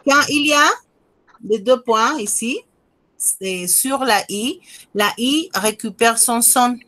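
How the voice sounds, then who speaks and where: Woman teaching french on a video call, a bit high-pitched, friendly and coaxing. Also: slow, bright, forceful tone. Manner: friendly, coaxing, switches between Spanish and French. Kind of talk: online class teaching.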